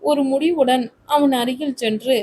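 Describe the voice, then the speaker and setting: A woman narrating a romantic family story in a steady, literary storytelling manner. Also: sits high, measured pace, slight background noise, low-quality recording.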